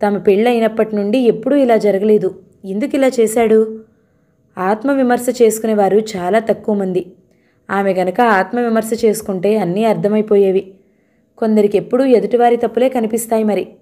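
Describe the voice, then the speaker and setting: A woman narrating a novel in a calm, even storytelling manner. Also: mid-range voice, moderate pace. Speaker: audiobook narrator. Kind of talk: novel reading.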